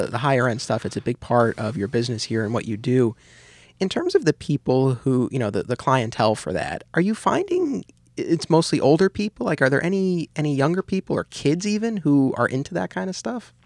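A man's voice: mid-range voice, darkish tone, no echo. A man hosting a podcast, asking curious follow-up questions in casual chat. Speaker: podcast host.

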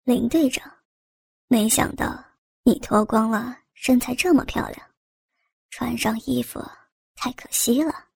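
A woman voicing a sneering, insolent male police officer who talks in a low, mocking half-whisper. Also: expressive, normal speed, gravelly, pauses often, a little mellow, breathy edge, dry recording, exaggerated voice. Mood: taunting.

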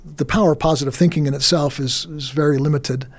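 A man's voice: fairly high pitch, fairly even intonation, quick pace. A middle-aged man giving a faith interview as a guest minister, speaking earnestly and often restarting and repeating his words.

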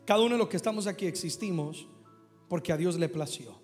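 A high-pitched man delivers a sermon as pastor, drawing responses from his congregation. His voice rings out with a long hall reverb behind it, the sound of a church hall. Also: fast, faint music behind. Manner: preaching to a congregation, calling for responses.

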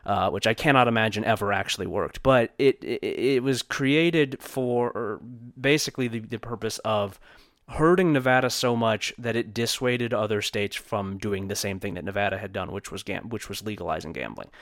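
A man's voice: lowish voice, normal speed, fairly bright tone, dry recording, studio quality. A man co-hosting a casual history podcast, chatty, swearing freely and laughing as he tells the story. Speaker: podcast co-host.

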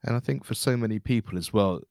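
Low-voiced man hosting an interview. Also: fast, creaky, a little mellow, no room sound, clean studio sound. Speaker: interview show host. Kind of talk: conversational, reflective interviewing.

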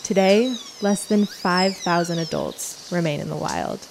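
A woman's voice: fairly low pitch, wildly swooping pitch, a little slow, vocal fry, background noise. A woman hosting a podcast, reading scripted narration and asking interview questions in a friendly way. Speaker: podcast host.

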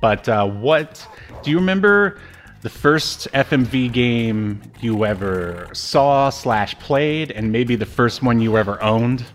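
A middle-aged man co-hosts a podcast reviewing retro video games, chatting in a rambling, informal and amused way. He speaks slowly with a medium-pitched, expressive voice over soft background music.

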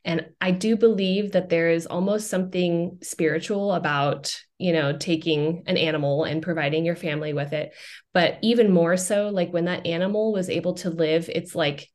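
A woman's voice: fairly low pitch, steady tone, moderate pace, a little mellow. Chatty podcast host, a woman. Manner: chatty, lots of fillers like "like". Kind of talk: casual chat.

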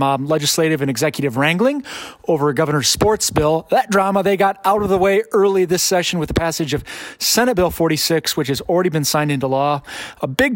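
A man hosting a conversational podcast in a casual, halting way, often restarting his phrases. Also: fairly high pitch, dry recording. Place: basement of a guest home.

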